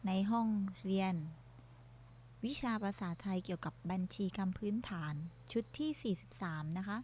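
A woman teacher from Thailand, slowly reading basic words aloud for young children, saying each word and then repeating it. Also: mid-range voice, a little mellow, slight background noise. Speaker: primary school Thai teacher.

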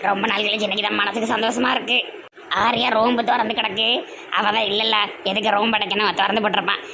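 A woman voicing a scheming older mother who talks in a low, coaxing, sly way, with a Tirunelveli Tamil accent, in a comedy sketch. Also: level tone, quick pace, vocal fry, background noise, close to an everyday voice.

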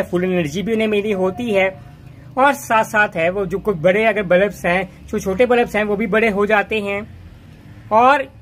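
A man's voice: sits high, a little hiss or hum. A man hosting a gardening channel, walking through his rooftop garden outdoors and talking casually into a handheld phone, rambling and often restarting his words.

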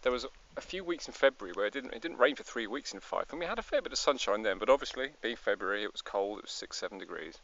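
A man's voice: on the low side, animated, fast talker, gravelly, hardly any pauses, a bit bright. A Scottish man chatting casually in a vlog while out biking on hills, rambling and self-deprecating. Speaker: vlogger. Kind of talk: casual outdoor vlog chat. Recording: slightly dull outdoor recording, faint noise.

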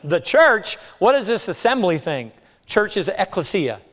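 A male pastor with a high, light voice works through scripture in a sermon, shifting from quiet, low asides to raised, emphatic points. His voice carries a long reverb from the church sanctuary around him. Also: big pitch swings, measured pace. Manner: expository preaching, swinging between hushed low lines and raised emphatic ones.

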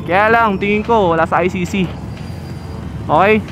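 A chatty man talks riders through road rules from his moving motorbike, his voice sitting fairly high. He points things out as he rides, recorded outdoors on a helmet-mounted camera. Music plays clearly underneath. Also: normal speed. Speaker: motovlogger. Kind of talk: casual commentary while riding. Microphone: helmet-mounted action camera.

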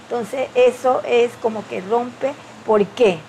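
A woman's voice: a little high, slow, gravelly, dark tone, a little hiss or hum, rough recording. A woman who makes documentaries reflects in a hesitant, conversational way, full of fillers and tag questions. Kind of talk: casual interview reflection.

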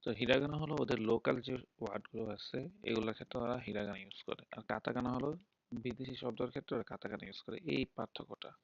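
A man's voice: mid-range voice, very fast, gravelly, dry recording. A man teaching a beginner class in a live online stream, explaining step by step in a patient way and often checking in with the learners. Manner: mixes English words into speech. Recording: dull lo-fi dry mic.

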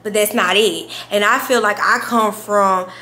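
A young adult woman chatting casually in an animated, slangy way. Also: mid-range voice, a little slow. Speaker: vlogger. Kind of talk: casual chat. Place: indoors at a home dining table. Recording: echoey room.

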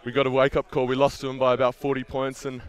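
A man's voice: mid-range voice, completely flat delivery, fast, clear, resonant tone. A young man, a team captain, giving earnest post-match interview answers on an outdoor field through a headset. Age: young adult.

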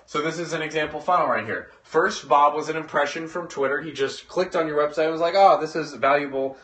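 A man's voice: fairly high pitch, a bit bright. A young man hosting a casual livestream lesson at a whiteboard indoors, talking energetically in slangy style and acting out little dialogues, picked up by a phone camera a few steps away. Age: young adult. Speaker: livestream host teaching marketing. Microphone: phone camera at a distance.

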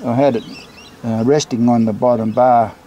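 A mid-range, dark-toned male voice with fairly even intonation explains a hive inspection at normal speed. The beekeeper is filming a casual vlog outdoors beside a beehive and brick house, and the lo-fi sound includes clear buzzing from the bees.

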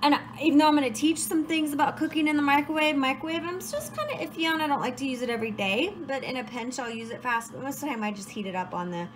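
A woman's voice: high-pitched, animated, quick pace, few pauses, slight background noise, low-quality recording. A young woman chatting casually to camera while she cooks and preps meals in her home kitchen, upbeat and talkative with her hands busy. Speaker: vlogger sharing meal prep. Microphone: phone camera propped on a counter.

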